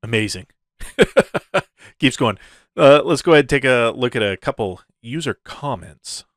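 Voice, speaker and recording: Animated and a bit fast, a man with a mid-range voice runs a casual crypto update, gushing and chuckling like a hyped-up crypto bro. The sound is dry and of studio quality.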